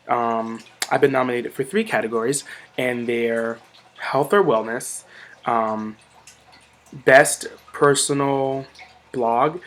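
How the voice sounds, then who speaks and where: A man's voice: medium pitch, a bit bright. A young man from the United States talking straight to camera in a casual vlog, chatty and self-joking, with lots of "um"s and "you know"s. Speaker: vlogger.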